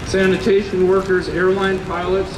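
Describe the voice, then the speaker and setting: A man from the US Midwest giving plainspoken, earnest testimony at a rally, in a halting way. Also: high-pitched, flat delivery. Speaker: rally speaker. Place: outdoor rally. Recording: echoey distant mic with outdoor noise.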